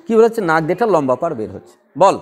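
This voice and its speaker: A man's voice: a little high, sing-song, racing. A man teaching a class on poetic rhythm, who talks playfully, laughs often and acts out quarrels and recites verse. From West Bengal. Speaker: Bengali literature tutor.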